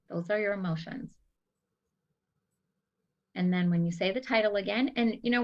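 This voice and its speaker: A woman's voice: mid-range voice, a bit bright, highs cut off. A woman coaching an online brain-training class, guiding listeners through memory exercises with quoted self-talk.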